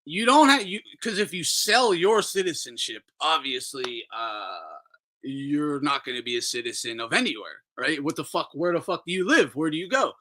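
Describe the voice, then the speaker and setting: Host, male, bright raised voice, profane laughing rant. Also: on the high side, animated, normal speed. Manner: laughs often, swears freely. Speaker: boxing talk show host.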